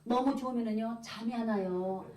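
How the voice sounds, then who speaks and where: High-voiced woman preaching in an echoey hall. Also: normal speed. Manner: lively storytelling, acting out dialogue. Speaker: evangelist. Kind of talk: church testimony talk. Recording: echoey, from a distance.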